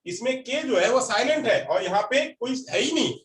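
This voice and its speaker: High-voiced man lecturing a class. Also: animated, moderate pace, fairly bright tone. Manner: repeats phrases, quizzes the class. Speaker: teacher. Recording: roomy classroom recorded from a distance.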